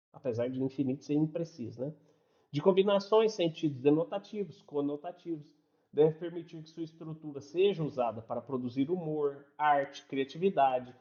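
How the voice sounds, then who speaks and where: A man's voice: fairly high pitch, dark tone, highs cut off. A young adult man with a Brazilian Portuguese accent, teaching a casual online lesson in a conversational, explanatory way with frequent tag questions. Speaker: English teacher.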